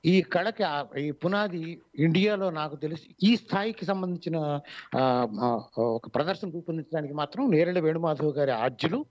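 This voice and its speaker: A man with a Telugu accent, a mimicry artist, answering radio interview questions in a measured, explanatory way with many pauses and fillers. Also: fairly high pitch, darkish tone. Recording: dull lo-fi online radio audio.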